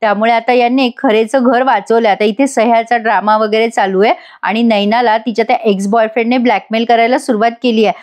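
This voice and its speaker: Speaking straight to her viewers, a woman reviewer recaps a TV serial episode in a chatty voice-over. She has a fairly high voice with a darkish tone.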